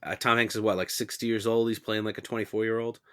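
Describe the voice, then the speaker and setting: A man's voice: fairly low pitch, level tone, fast talker, heavy background noise. A man hosting a podcast in casual chat, joking and laughing often. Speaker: podcast host.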